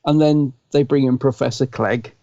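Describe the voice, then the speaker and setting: A man's voice: medium pitch, fairly even intonation, moderate pace, mellow, dry recording, muffled recording. A man co-hosting a podcast, chatting enthusiastically with lots of fillers. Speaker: podcast co-host. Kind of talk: casual chat.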